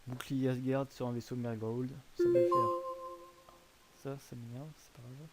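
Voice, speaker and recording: A man's voice: mid-range voice, flat delivery, normal speed, over loud music. A man hosting casual gameplay commentary on a browser game, rambling and hesitant, often correcting himself. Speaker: host presenting a browser game.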